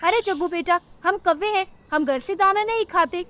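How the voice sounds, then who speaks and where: A woman's voice: very high voice, normal speed, bright, forceful tone, a little hiss or hum, voice pushed up. A woman voicing a bossy, scheming mother crow in a cartoon who talks in a scolding, dismissive way.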